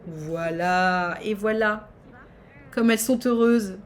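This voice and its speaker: A woman giving chatty, playful commentary while she streams a life-simulation game. She swings from excited squeals to low muttered asides. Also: slow. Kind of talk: casual live game commentary.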